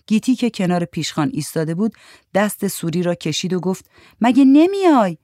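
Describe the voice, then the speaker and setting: A woman narrating a literary short story in a steady, measured reading voice. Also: lowish voice, no echo, studio quality.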